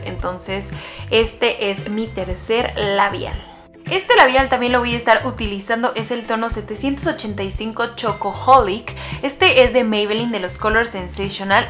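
A young woman in her twenties talks casually to camera as a beauty vlogger, her voice sitting fairly high. She gushes and rambles with plenty of fillers and restarts. Soft music plays faintly beneath her. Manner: chatty, gushing, lots of fillers and restarts. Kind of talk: casual makeup chat to camera.

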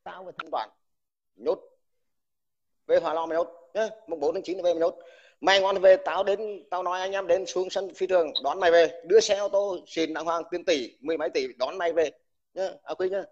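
A combative man, an army veteran, in a furious livestream rant. He hurls crude insults at the listener, speaking at a somewhat raised pitch, and stutters over repeated words when worked up. The recording is dull and lo-fi. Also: fairly even intonation, a little fast.

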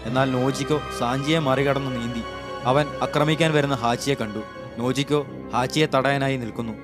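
A man narrating an anime episode recap as a scripted story, in a steady storytelling read on a close voice-over mic. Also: medium pitch, brisk. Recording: voice-over with clear music behind.

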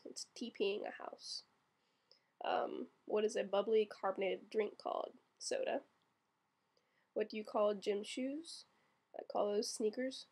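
Young woman from florida doing an accent tag, lots of ums, bit of vocal fry. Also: medium pitch, darkish tone. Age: 20s. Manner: chatty, many ums, reads word list aloud. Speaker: vlogger. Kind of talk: casual accent-tag vlog.

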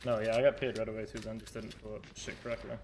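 A man's voice: fairly low pitch, little pitch movement, rapid-fire. A young man trash-talking casually while gaming, with slangy frat-bro banter and constant "bro". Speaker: video game streamer. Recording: clear game noise and clicks.

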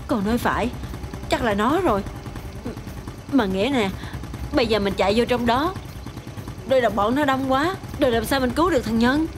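A woman's voice: a little high, moderate pace, long pauses, lightly acted. An actress playing a worried mother searching for her kidnapped son, frantic and pleading, in a TV drama. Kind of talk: TV drama acting. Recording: TV drama with music underscore.

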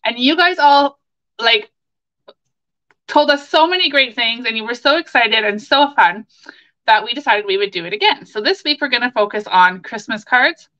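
A woman's voice: fairly high pitch, pushed and bright, rough recording. A woman in her forties with a Canadian accent, chatting enthusiastically as she hosts a casual craft tutorial livestream from a home office. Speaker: craft demonstrator and livestream host. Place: small home office, indoors.

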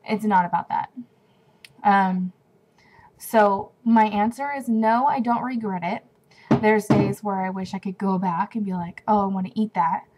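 A woman's voice: medium pitch, measured pace, a little mellow, slight background noise, rough recording. A young woman from California, chatting into a webcam at home with a runny nose, rambling with lots of fillers and restarts. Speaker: vlogger. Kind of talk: casual talking-to-camera vlog. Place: at home indoors.

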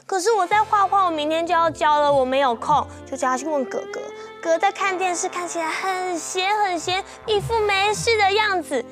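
A woman's voice: very high voice, brisk, few pauses, over music. A young woman playing a bossy, tattling schoolgirl big sister in a children's TV sitcom, cutesy and emphatic. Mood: complaining. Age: young adult. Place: TV studio set.

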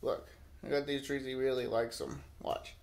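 Speaking at normal speed with a flat delivery, this man has a medium-pitched voice that is creaky and a little mellow. He vlogs about his pet at home, chatting casually to the camera and dog and coaxing with simple repeated questions, filmed on a handheld phone or camera behind the lens in a hallway and carpeted room. The home recording is amateur and noisy.

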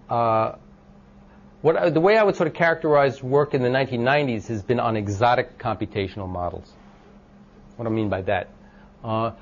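A loud, medium-pitched man gives an informal classroom lecture, thinking aloud with lots of ums and restarts and putting questions to the class. The lecture recording is dull and lo-fi.

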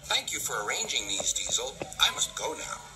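A man's voice: mid-range voice, big pitch swings, normal speed, lightly acted, low-quality recording. A man voicing a proud, self-satisfied male tank engine with a dry manner. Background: music.

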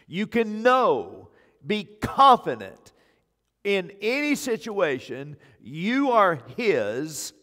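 A man's voice: high voice, wildly swooping pitch, very slow, fairly bright tone. An older man preaching a sermon as pastor, pressing his points with repeated phrases, on a church stage on a wireless mic. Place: church sanctuary stage, indoors. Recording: long reverb of a church hall.

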